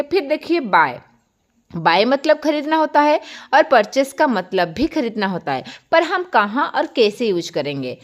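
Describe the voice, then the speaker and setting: A young Indian woman teaches English grammar online in a high-pitched voice. She warmly explains word pairs to her viewers, whom she calls children.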